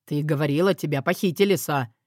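A scheming young lord, sly and lustful, who draws out his words with quiet menace, as a woman narrator performs him. His voice sits low. It sounds dry and close, with no room around it. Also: no echo. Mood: stern. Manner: low, menacing, drawn-out lines. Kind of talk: audiobook character voice.

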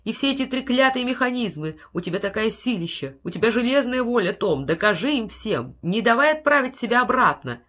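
A woman's voice: mid-range voice, animated, brisk, fairly bright tone. A woman reading an audiobook, voicing a frail old man who pleads with breathless urgency. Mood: frantic. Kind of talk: audiobook character voice.

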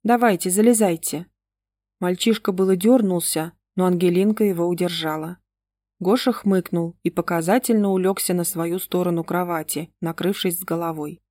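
A woman narrating a story in an even, measured reading. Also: lowish voice, no room sound, studio quality. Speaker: audiobook narrator. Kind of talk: scripted narration.

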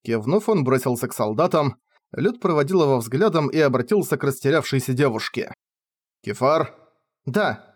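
A man narrating a fantasy novel as an audiobook in a dramatic, measured reading. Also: mid-range voice, expressive, husky, dry recording.

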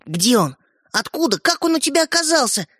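A man voicing a curious, excitable young boy who fires off questions. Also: high voice, a little fast, no echo, studio quality, pitched above the performer's own voice. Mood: eager. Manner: eager, questioning.

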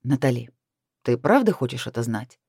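A woman voicing a calm, wry young man who speaks in a low-key way in an audiobook. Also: moderate pace, creaky, slightly rough, no room sound, clean studio sound, exaggerated voice.

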